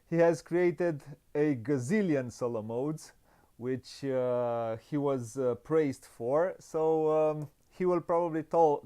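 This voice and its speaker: Over an online video call, a man hosts an unscripted interview about board games. His voice is medium-pitched, dark and smooth, but he speaks hesitantly, stammering and restarting often.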